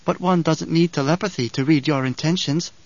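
A man voicing an unnervingly composed little girl in an audiobook, speaking slowly and serenely in a higher register. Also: dry recording, natural voice. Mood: calm, eerie. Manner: slow, measured, serene. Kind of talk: audiobook character voice. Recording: dull, dry studio recording.

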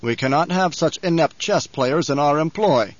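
A coldly menacing older baron acted out by a male audiobook reader. He is scheming and imperious, weighing words with mocking care. The voice sits fairly high for a man, in a very dry space. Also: lively intonation, normal speed, no room sound. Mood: menacing calm. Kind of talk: audiobook character voice. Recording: slightly dull, lo-fi audio.

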